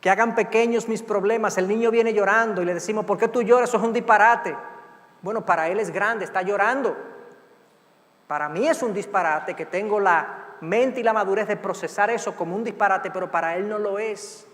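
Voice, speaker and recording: A middle-aged male pastor giving an animated sermon, acting out parents and children in quick asides. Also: high-pitched. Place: large church hall. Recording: long hall reverb.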